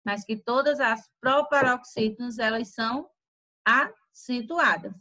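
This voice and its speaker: A Brazilian woman teaching a grammar lesson, speaking slowly and stretching out example words, checking in with "tá?". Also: on the high side, pushed and bright. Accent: Brazilian Portuguese. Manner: slow and deliberate, stretching out example words and using "tá?" tag questions. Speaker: Portuguese teacher.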